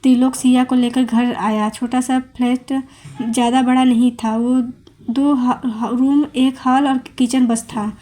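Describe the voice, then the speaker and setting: A woman reads a serialized romance novel aloud in a steady, plain storytelling voice, tripping over the odd word. Her tone is dark and mellow, set a little high, with a flat, even melody. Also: a little slow. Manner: plain, steady read-aloud narration with small stumbles.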